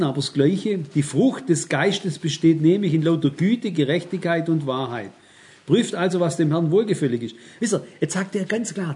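A man with a fairly high voice delivers a sermon with emphasis. He speaks directly to his listeners and keeps asking whether they understand. He sounds middle-aged. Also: a little mellow. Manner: emphatic, addresses congregation directly with rhetorical questions. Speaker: preacher.

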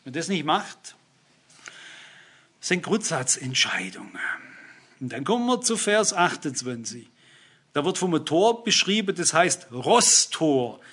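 High-voiced husky preacher man. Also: bright, forceful tone. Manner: earnest, addresses listeners with "wisst ihr", cites Bible verses. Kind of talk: sermon.

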